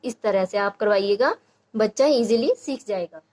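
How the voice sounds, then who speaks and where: A young woman teacher explaining a phonics lesson to parents, sounding out letters and syllables slowly one by one. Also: mid-range voice, darkish tone. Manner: slow, drawn-out syllable-by-syllable sounding out.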